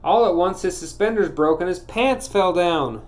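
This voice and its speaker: A man reading a children's storybook aloud, steady and clear. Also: high-pitched, moderate pace.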